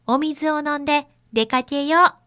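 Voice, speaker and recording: A woman voicing a cheerful young male zebra with a bright, childlike manner. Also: sits high, normal speed. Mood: puzzled. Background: faint music.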